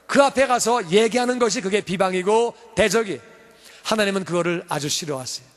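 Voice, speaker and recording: A male pastor preaching a sermon. He is animated and moves between loud emphasis and quiet asides. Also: high voice. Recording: long reverb of a church hall.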